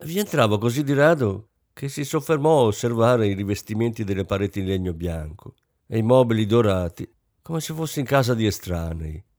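A man narrating a novel as a scripted audiobook, measured and expressive. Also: fairly low pitch.

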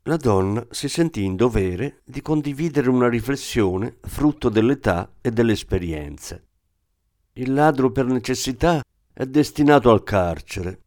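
A man's voice: mid-range voice, a little mellow. Man reading a novel aloud. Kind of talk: audiobook narration.

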